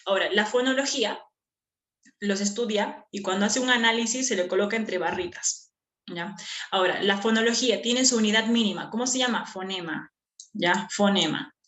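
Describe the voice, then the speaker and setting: A woman's voice: mid-range voice, normal speed, fairly bright tone. A woman teacher explaining a lesson patiently, repeating key terms and checking that students follow. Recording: echoey room.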